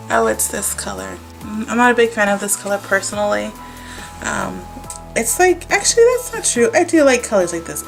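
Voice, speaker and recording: A young woman vlogger unboxes beauty products, her voice congested and stuffy from a cold. It's mid-range and fairly bright, and she chats casually and rambles, full of "like" and "um."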